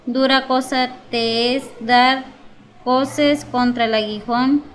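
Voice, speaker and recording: Woman slowly reading scripture aloud. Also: sits high, fairly even intonation, a little hiss or hum. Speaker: church member reading scripture. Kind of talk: reading Bible verses aloud.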